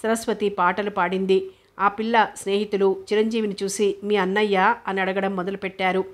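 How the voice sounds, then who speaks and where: A woman reads a novel aloud in a steady, measured way. Her pitch stays flat and unvaried, sitting in a middle register for a woman. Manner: steady, even storytelling. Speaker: narrator. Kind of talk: novel audiobook reading.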